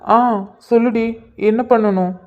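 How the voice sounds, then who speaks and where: A man's voice: high-pitched, steady tone, a little slow, phone-quality sound. A man doing a tender, soothing cartoon husband. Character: gentle devoted young husband.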